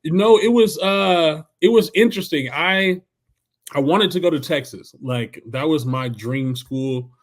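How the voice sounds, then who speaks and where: A man from the Bay Area in California, a former football player now coaching high schoolers, telling recruiting stories as a podcast guest. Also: measured pace. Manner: relaxed storyteller, acts out quoted coaches. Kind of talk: casual interview storytelling.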